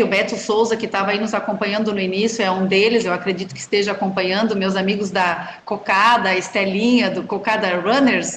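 A woman, a journalist and runner, telling stories in a chatty, animated way as an interview guest. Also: mid-range voice, reverberant, a little hiss or hum. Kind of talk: casual interview chat.

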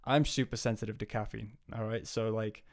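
A man's voice: lowish voice, steady tone, brisk. A man who works as a coach, talking in a casual chat in a rambling way, with many restarts. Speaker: guest, coach.

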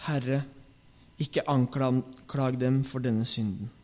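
A man's voice: medium pitch, fairly even intonation, a little mellow, natural voice. A man reading Stephen, solemn bold preacher. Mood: devout. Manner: solemn, rebuking oration. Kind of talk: reading a scripture speech.

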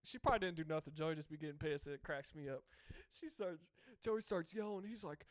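A man's voice: fairly high pitch, fairly quick, dry recording, studio quality. A young man co-hosting a casual podcast, telling stories and laughing often. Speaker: podcast co-host.

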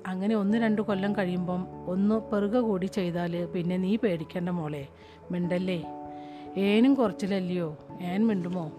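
A woman voicing a hushed, motherly older farmworker. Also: lowish voice, unhurried, music in the background, lightly acted. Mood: anxious pleading. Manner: hushed, pleading, worried.

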